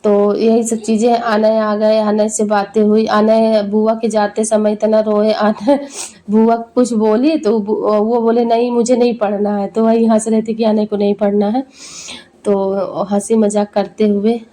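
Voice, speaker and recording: A young woman, narrating a family vlog in slow, halting voice-over and sounding a little short of breath. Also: medium pitch, little pitch movement, mellow. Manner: slow, halting, searching for words. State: short of breath when talking at length. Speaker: family vlogger.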